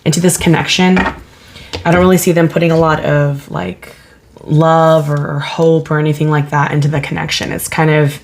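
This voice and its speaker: A woman's voice: sits low, little pitch movement, normal speed, a little mellow, a little hiss or hum. A woman giving a casual pick-a-card tarot reading, chatty and thinking aloud as she asks spirit questions. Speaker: tarot reader.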